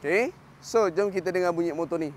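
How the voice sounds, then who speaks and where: A man's voice: high voice, fast talker. A man in his thirties with a Malaysian Malay accent, giving an upbeat sales walkthrough of a motorcycle outside a shop. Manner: upbeat salesman patter, mixes in English fillers. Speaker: motorcycle dealer. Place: outdoor parking lot of a motorcycle shop.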